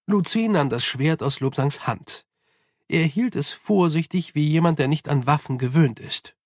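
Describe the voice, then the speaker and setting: A man narrating an audiobook in an even storytelling way. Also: fairly high pitch, normal speed, no room sound, clean studio sound.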